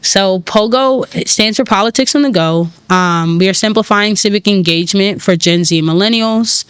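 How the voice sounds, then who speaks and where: Young woman founder, New York accent, lively and slangy, smooth dry voice. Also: mid-range voice, moderate pace, no echo. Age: 20s. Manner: energetic, casual, uses slang and fillers. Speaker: tech founder, guest. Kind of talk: conversational interview.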